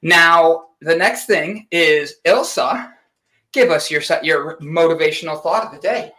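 A male host with a fairly high, bright voice, chatting casually and energetically to his viewers. He rambles a little and keeps things upbeat. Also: measured pace. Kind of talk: casual live-stream chat.

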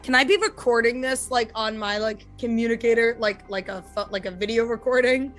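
A woman playing a tabletop game, playful and quick to laugh. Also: on the high side, fairly even intonation, fairly bright tone, faint music behind. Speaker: player. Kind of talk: casual tabletop game chat.

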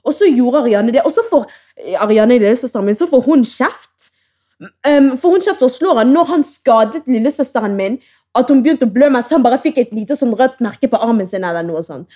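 A young woman co-hosting a podcast, telling stories in lively casual chat, acting out quotes and swearing freely. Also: a little high. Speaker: podcast co-host.

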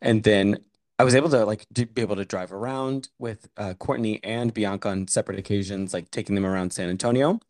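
A man hosts a laid-back podcast, rambling along with plenty of fillers. His voice sits a bit low. The condenser mic gives a close, dry sound with no room echo. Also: brisk, a little mellow. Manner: rambling, heavy use of "like" and "um". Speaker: podcast host. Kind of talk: casual podcast chat. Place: room in a house. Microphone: condenser microphone.

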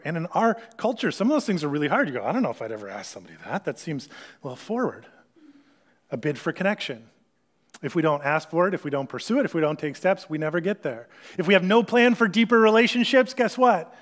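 A male pastor giving a conversational sermon, acting out little quoted exchanges as he teaches. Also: fairly high pitch.

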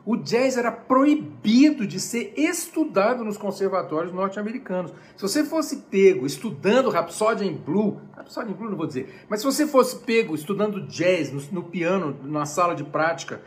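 A man's voice: high-pitched, big pitch swings, moderate pace, hardly any pauses. A Brazilian man with a Brazilian Portuguese accent giving a chatty, digressive music lecture on a live stream from home. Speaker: music teacher.

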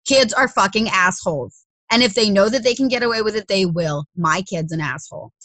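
A woman in her thirties speaks bluntly in casual conversation, swearing for emphasis and driving her points home. Her voice is bright and forward, and the recording is dry and close with no room echo. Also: mid-range voice, brisk.

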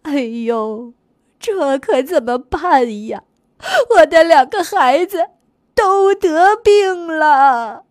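A woman voicing a frantic mother cow who cries out loudly in alarm in a storybook. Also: high voice, lively intonation, very slow, no echo, studio quality, full character voice. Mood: tearful. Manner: loud, alarmed, tearful.

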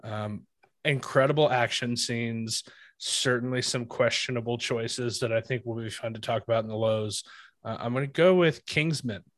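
A man's voice: medium pitch, normal speed, no echo. A man hosting a movie podcast, chatting casually and loosely with many fillers. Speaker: podcast host. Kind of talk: casual chat.

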